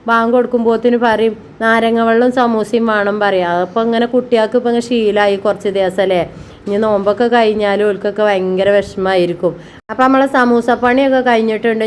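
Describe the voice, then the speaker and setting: A woman's voice: mid-range voice, slight background noise. Chatty homey woman vlogger. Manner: affectionate, calls viewers "children", frequent tag particles. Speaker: family vlogger. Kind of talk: homey chatty voice-over about housework.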